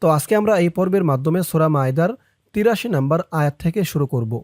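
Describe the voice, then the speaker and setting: A man teaching Quran reading who chants verses slowly and breaks them down syllable by syllable with short spoken explanations in between. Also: on the high side, animated, darkish tone, no room sound, studio quality. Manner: slow drawn-out recitation alternating with quick spoken explanations. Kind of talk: Quran recitation lesson.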